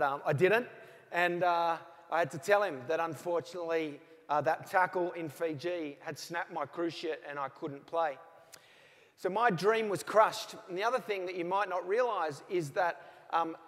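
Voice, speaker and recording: Australian man, forties, motivational speaker, high voice, long hall echo, storytelling. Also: fairly bright tone. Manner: storytelling, acts out both sides of remembered phone calls. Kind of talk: motivational keynote speech. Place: large hall with audience. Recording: reverberant hall.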